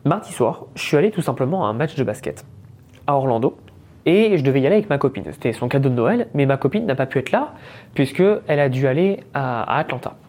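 A man's voice: mid-range voice, big pitch swings, quick pace, darkish tone. A man in his thirties from France, hosting a podcast and telling a story in a casual, chatty way, mixing English business words into his talk. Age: 30s. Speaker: podcast host.

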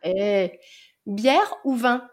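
Upbeat woman podcast host, higher voice. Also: expressive, very slow. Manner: upbeat, playful, laughs often. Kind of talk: casual podcast interview.

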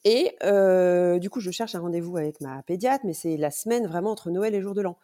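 A woman's voice: lowish voice, normal speed, mellow. A woman in her thirties, a mother recounting events as a podcast guest, in a hesitant way with many fillers and restarts. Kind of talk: casual storytelling interview.

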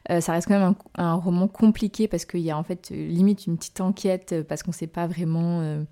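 Chatty, hesitant woman with a warm low voice. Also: steady tone, fairly quick. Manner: hesitant, full of "euh" fillers and restarts; chatty, self-mocking, laughs at herself. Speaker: podcast host and novelist. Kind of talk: casual solo podcast chat.

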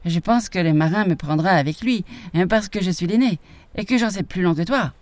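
Brief: storybook boy, eager and boastful, high and loud, woman reading. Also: a little fast, no echo, natural voice. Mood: excited. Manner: excited, boastful, raised voice.

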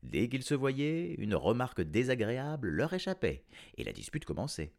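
A man narrating a children's story in an expressive, animated way. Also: medium pitch, moderate pace, creaky.

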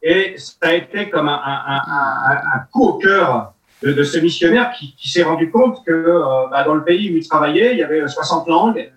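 A man's voice: fairly high pitch, moderate pace, fairly bright tone. A man joining a show remotely, telling a story with many fillers. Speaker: remote guest. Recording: echoey remote call from a distance.

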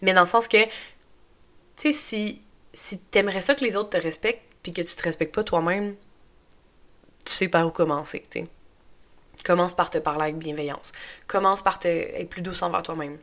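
A woman's voice: on the low side, normal speed, long pauses, fairly bright tone. A young woman with a Québécois French accent talking as a podcast host in a casual motivational monologue, chatty and full of fillers, with English phrases mixed in.

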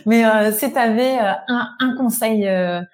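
A woman's voice: a little high, measured pace, a little mellow. A woman hosting an interview podcast, asking long rambling questions and cheering on her guest. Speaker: podcast host.

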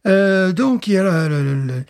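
A man's voice: high voice, lively intonation, a little slow, a little mellow. A man co-hosting a casual podcast, presenting a drink in a rambling, hesitant way, often laughing and repeating himself. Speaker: podcast co-host presenting a beer. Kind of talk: casual chat.

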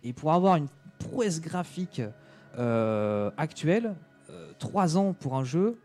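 A man's voice: fairly high pitch, animated, slow pace, darkish tone, faint music behind. A man chatting casually on a radio show, hesitating often with many fillers and restarts.

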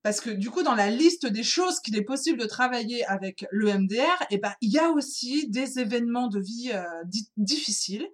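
A woman's voice: a little high, expressive, normal speed, few pauses. A woman casually explaining wellness techniques in French, hesitant, with many fillers and restarts, speaking informally to the listener.

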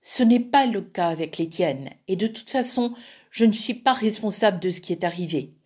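A woman voicing a patient old peasant father who speaks quietly and calmly. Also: high voice, moderate pace, slightly rough, voice pushed up, exaggerated voice. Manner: quiet, tranquil.

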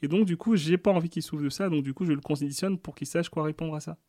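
A man's voice: a little high, fast talker, warm tone, no room sound, studio quality. A man from Benin talking as a podcast guest, explaining earnestly in a casual interview. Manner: earnest, explanatory, frequent restarts.

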